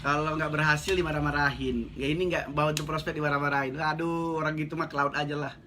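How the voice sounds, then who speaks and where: A man's voice: on the high side, steady tone, quick pace, pushed and bright, a little hiss or hum. A man talking blunt and casual on a live stream, reading out viewer comments and joking as a network marketing coach. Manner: blunt, joking, chatty, laughs often.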